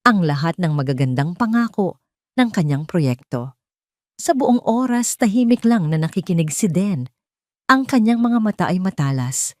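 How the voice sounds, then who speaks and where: A woman with a Filipino accent narrates a dramatic scripted story for an audio drama. Her medium-pitched voice is a little mellow, captured as clean studio sound with no echo.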